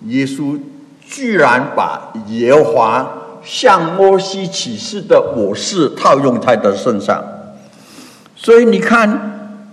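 Slow, animated male preacher in a hall. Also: medium pitch. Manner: slow, dramatic reading of scripture quotes. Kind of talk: sermon with Bible exposition. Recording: long hall reverb.

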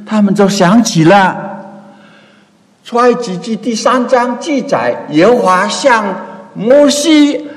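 A man preaching a sermon and explaining scripture, reading verses slowly and dramatically. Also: sits high, animated. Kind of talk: sermon with Bible exposition. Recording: long hall reverb.

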